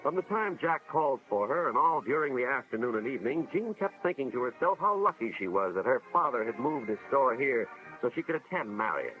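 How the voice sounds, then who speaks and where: An actor as an earnest 1950s educational film narrator, American man, expressive. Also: medium pitch, fairly quick, lightly acted. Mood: earnest, dramatic. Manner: earnest, dramatic, moralizing storytelling. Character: earnest school official narrating a cautionary tale. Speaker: narrator, a school official telling a story. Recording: dull vintage film soundtrack, music behind.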